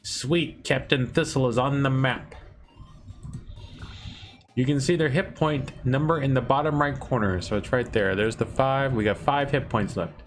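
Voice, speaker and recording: A man's voice: mid-range voice, a little slow. A man casually commenting while playing a video game, thinking aloud as he goes. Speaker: gameplay video host. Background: game music.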